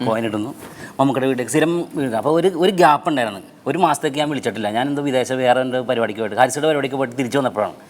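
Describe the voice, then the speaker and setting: A middle-aged man tells an anecdote at a quick clip, his pitch sitting in the ordinary middle range. He acts out the voices in his story as a guest on a TV chat show. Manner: animated anecdote telling, acts out phone calls.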